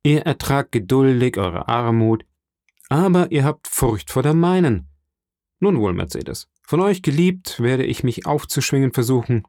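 A brooding, jealous young fisherman, as a male audiobook reader plays him, pressing his case with low insistence. His voice sits at an ordinary middle pitch. It is recorded dry and close. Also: sing-song, a little slow, a little mellow, no room sound. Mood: pleading, jealous. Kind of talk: audiobook reading.

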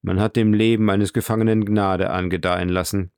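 A solemn leader of a religious brotherhood, read by a male narrator, proclaiming in a loud, formal voice. The delivery is low and gravelly, in a dry, close recording. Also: flat delivery, fairly quick, no echo, natural voice.

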